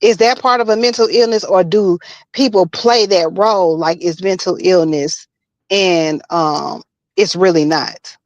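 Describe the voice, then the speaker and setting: A woman talking casually and personally as a guest, halting and repeating herself as she searches for words. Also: on the low side, no echo, lo-fi sound. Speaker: guest telling of being bullied online.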